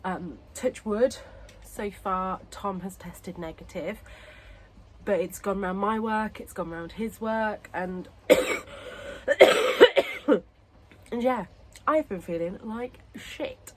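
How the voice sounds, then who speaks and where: A woman's voice: mid-range voice, a little hiss or hum, low-quality recording. A woman vlogger talking casually about books, short of breath and ill. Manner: chatty, pauses to catch breath. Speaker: book vlogger. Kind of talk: casual chat to camera.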